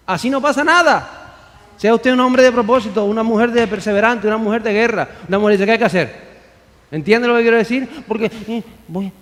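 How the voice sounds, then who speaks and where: A man's voice: high voice, a bit bright, in a large hall. A man preaching a sermon as pastor, emphatic, firing rhetorical questions and calling on the congregation to repeat after him.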